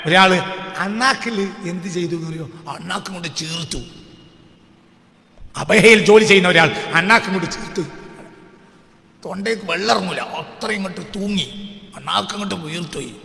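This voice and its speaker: A man preaching a fiery sermon, swinging between shouting and low muttering and firing rhetorical questions. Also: brisk, gravelly, pauses often. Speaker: Islamic preacher. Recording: echoey hall with long reverb.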